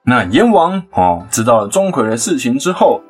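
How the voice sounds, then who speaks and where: A man's voice: mid-range voice, husky, soft background music. A man with a Taiwanese Mandarin accent, hosting a podcast and chattily retelling a legend with asides. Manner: chatty, animated retelling with quick asides and laughs. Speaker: podcast host, storyteller. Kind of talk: casual storytelling podcast.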